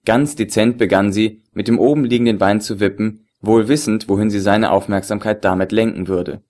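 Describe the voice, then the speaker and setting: A man reading a story aloud in an even, measured narration. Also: fairly low pitch. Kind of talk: scripted narration.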